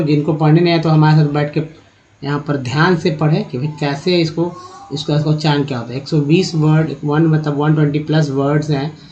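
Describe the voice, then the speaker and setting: A man teaching English reading and pronunciation in a spoken lesson, slowly spelling out words letter by letter and repeating them. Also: a little high, a little mellow, dull audio. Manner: slow, repetitive, spells out letters one by one.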